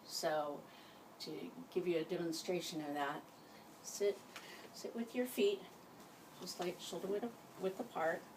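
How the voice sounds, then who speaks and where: A woman leading an informal guided hypnosis session, giving gentle instructions in a halting way. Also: on the low side. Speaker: hypnosis practitioner. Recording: distant mic, faint background noise.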